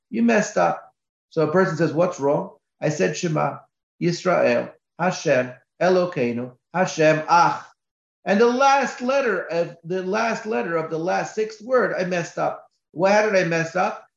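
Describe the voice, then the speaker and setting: A man's voice: on the high side, creaky. A man, a rabbi, giving a Torah class with emphatic repetitions, recorded lo-fi in an echoey room.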